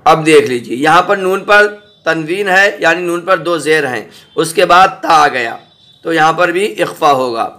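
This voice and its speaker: A man teaching Quran recitation, spelling out each word slowly and repeating it, often checking that the listener understands. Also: on the high side, bright, forceful tone. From South Asia. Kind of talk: slow spelled-out recitation lesson.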